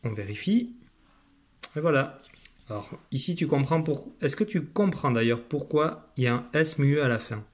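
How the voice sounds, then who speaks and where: A man's voice: medium pitch, expressive, moderate pace. A man teaching a phonics lesson to a young child, patient and encouraging, speaking straight to the learner.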